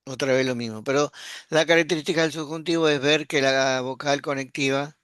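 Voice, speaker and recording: A man teaching a Greek grammar class online, explaining patiently and often checking in with a quick question. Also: fairly high pitch, steady tone, fairly bright tone, clean tone, no echo, clean studio sound. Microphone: computer mic while screen sharing.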